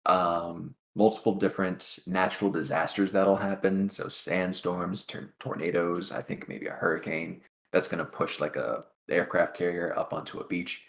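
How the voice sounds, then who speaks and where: A man's voice: sits low, level tone, moderate pace, gravelly, hardly any pauses, a bit bright. A man co-hosting a gaming podcast in casual chat, dry and teasing. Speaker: podcast co-host.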